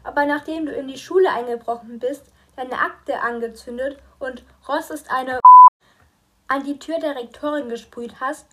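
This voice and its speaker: A woman reading a stern, controlling mother's lines in an audiobook, slow and clear with bitter edges. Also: high voice, noisy background, close to an everyday voice. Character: stern middle-aged mother, cold and controlling.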